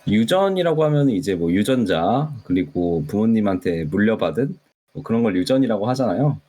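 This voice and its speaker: 억양이 풍부한 낮은 남성 목소리. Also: male voice, fairly low pitch, normal speed. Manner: lively, explains at length with many fillers. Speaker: podcast co-host. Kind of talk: casual podcast chat.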